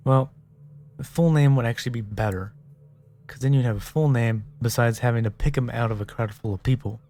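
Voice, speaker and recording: A man's voice: mid-range voice, mellow. A man giving casual, rambling gameplay commentary as he muses aloud. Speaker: gamer.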